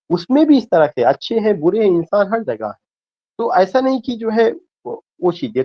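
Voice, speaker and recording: A male teacher with a fairly high voice gives a lecture, explaining ideas in a conversational way. He reads English passages slowly and deliberately and fills his pauses with drawn-out "uh" sounds. The recording sounds dull and lo-fi. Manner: frequent hesitation fillers. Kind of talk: classroom lecture.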